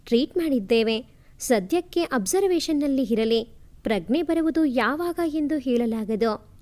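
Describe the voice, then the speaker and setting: A woman voicing a young male doctor who calmly and gently reassures his family, read in a storybook narration. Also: very high voice, a little slow, voice pushed down.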